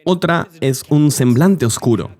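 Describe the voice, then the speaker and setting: A man's voice: a little high, animated, unhurried, darkish tone. A man telling his testimony earnestly as an interview guest, in a dubbed voice-over of an interview.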